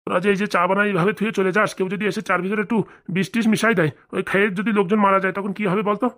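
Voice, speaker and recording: A woman's voice: medium pitch, fairly even intonation, racing, fairly bright tone. A woman voicing characters in a comedy cartoon, chatty and scolding. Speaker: cartoon voice actor. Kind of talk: cartoon voice acting.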